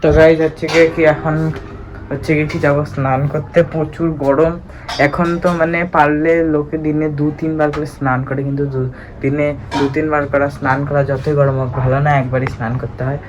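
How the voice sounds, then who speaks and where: A man's voice: on the high side, flat delivery, a little fast, background noise. A young man vlogging his day at home, chatting casually to viewers with lots of fillers. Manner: chatty, filler-heavy, addresses viewers as guys. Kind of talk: casual daily vlog. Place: home and outdoors. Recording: home recording with loud background ambience.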